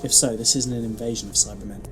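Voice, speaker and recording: An actor in an audio drama playing the Doctor, a brisk, grave and protective time traveller who speaks with urgent emphasis. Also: mid-range voice, steady tone, over music, natural voice.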